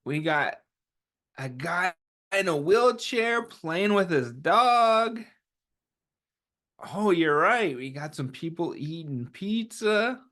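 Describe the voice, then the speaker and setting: Hosting a children's story time, a man with a high, slightly bright voice reads aloud and chats encouragingly with young listeners, frequently posing questions and answering them himself.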